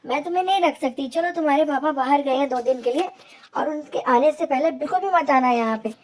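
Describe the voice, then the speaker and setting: A woman voicing a harsh stepmother bird in a children's cartoon story, scolding sharply and quickly. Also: sits high, natural voice.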